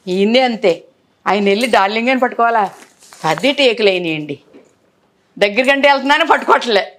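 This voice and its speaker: An older actress tells stories from her career with feeling, slipping into the voices of the people she quotes. Her voice sits a little high for a woman, and she keeps the tone of a long interview. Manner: animated, acts out others' words in quotes. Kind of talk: emotional storytelling in an interview.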